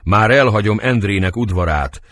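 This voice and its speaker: A man voicing a gentle, earnest nobleman in an audiobook reading of a play. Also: fairly low pitch, no room sound, studio quality, lightly acted.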